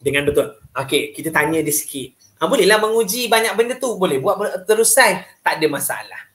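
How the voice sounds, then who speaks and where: A man's voice: high voice, animated, brisk, fairly bright tone, roomy sound. A man with a Malaysian Malay accent training teachers in a casual, chatty way, often checking that listeners follow.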